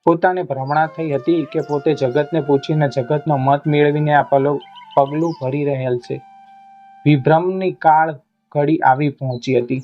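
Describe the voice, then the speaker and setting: A man narrating a folk novel in a measured, formal storytelling manner. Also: on the high side, steady tone, highs cut off, soft background music.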